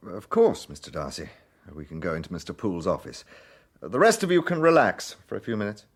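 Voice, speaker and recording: An actor playing a courteous, probing British police inspector in a radio detective drama, questioning in a measured, polite manner. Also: male voice, lowish voice, wildly swooping pitch, slightly rough, heavily acted. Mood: quiet, firm.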